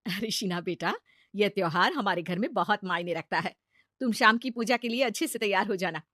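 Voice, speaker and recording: Gentle, motherly mother-in-law, played by a woman. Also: mid-range voice, fairly quick, no echo, clean studio sound. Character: kind middle-aged mother-in-law, warm and patient.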